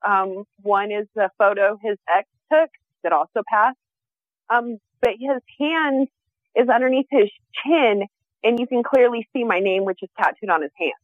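Woman calling in to a radio show, tinny phone line, kinda high voice, lots of ums. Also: animated, normal speed, no echo. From USA. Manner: hesitant, with frequent ums. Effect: heard over a phone line.

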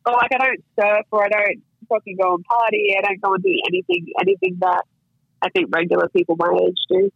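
A woman's voice: medium pitch, expressive, a little fast, vocal fry, husky, dry recording, highs cut off. An Australian woman in her thirties, a guest chatting casually on a podcast, saying "like" and "you know" a lot and swearing freely. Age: 30s. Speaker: guest, professional fighter.

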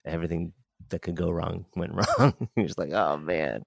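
A man's voice: sits low, normal speed, creaky, husky, no echo, clean studio sound. A man from the San Francisco Bay Area, a musician guest on a sports podcast, chatting in an easygoing way full of "you know". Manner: easygoing, filler-heavy, "you know" throughout. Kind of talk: casual sports chat.

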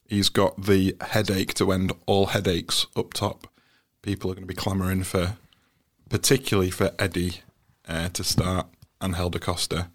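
A man gives casual football analysis on a podcast. His pitch runs a little low with very little variation, and his delivery is measured. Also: level tone. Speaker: podcast panellist.

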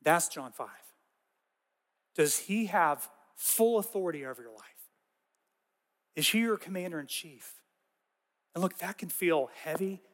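A man preaches in a relaxed, conversational way, spinning stories with lively asides. His voice sits a little high for a man. The sound carries a long reverb from a large church hall. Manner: casual, animated storytelling with frequent "like" asides. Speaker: pastor. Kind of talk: conversational sermon.

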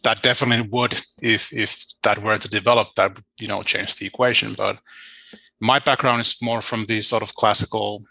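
Gravelly, bright-toned man on a panel. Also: lowish voice, steady tone, fairly quick, no echo, low-quality recording. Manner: hesitant, thinking aloud with restarts. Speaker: computer science panelist. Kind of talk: panel discussion.

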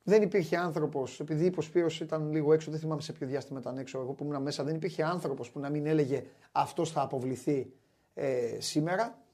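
A man's voice: on the high side, few pauses. A man hosting a basketball talk show, chatting animatedly and wryly, often restarting his sentences. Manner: animated, wry, many restarts. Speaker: sports show host. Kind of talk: casual basketball chat.

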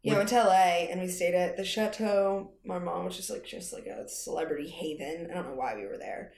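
An American woman chatting casually in a deep, lazy drawl with plenty of vocal fry. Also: brisk, darkish tone. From United States. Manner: lazy, effortful-sounding drawl. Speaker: podcast guest. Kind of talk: casual chat. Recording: roomy echo.

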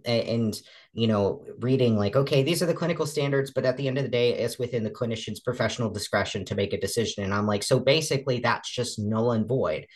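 Casual and full of fillers and restarts, a guest in an interview, a woman in her twenties with a fairly deep voice, dramatizes the remarks she quotes as she talks.

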